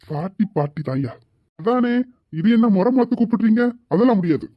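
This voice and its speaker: A man's voice: high-pitched, expressive, fairly quick, no room sound, dull audio. A man doing a cheeky, teasing young grandson. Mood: playful. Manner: teasing, playful. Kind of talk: web drama voice acting.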